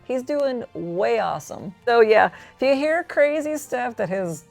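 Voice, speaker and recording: A chatty woman co-hosting a relaxed question-and-answer show, laughing easily between sentences. Her voice carries heavy gravelly fry, with faint music underneath. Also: fairly high pitch, a little slow. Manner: chatty, giggly, warm banter. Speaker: co-host. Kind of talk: casual chat.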